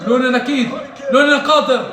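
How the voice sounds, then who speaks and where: A man, reacting live to a football match, pleading with players and shouting when chances come. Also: very high voice, steady tone, fast talker, distant mic. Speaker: football fan vlogger. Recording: echoey room with match crowd noise.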